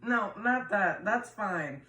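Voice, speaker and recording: A young man talks slowly in a hesitant, deadpan way. His voice is bright and sharp, and he is heard from a distance in a roomy room. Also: high-pitched. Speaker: co-host. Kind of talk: casual chat.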